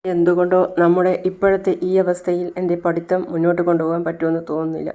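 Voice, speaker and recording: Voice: mid-range voice, monotone, quick pace, mellow, lightly acted. A storyteller voicing an anxious young woman student who hesitantly raises her worries, in a retold serial.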